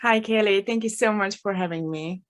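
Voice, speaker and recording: A woman from the in her thirties, a guest telling her own story in an interview, frank and animated, with many fillers. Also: medium pitch, moderate pace. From Czech Republic.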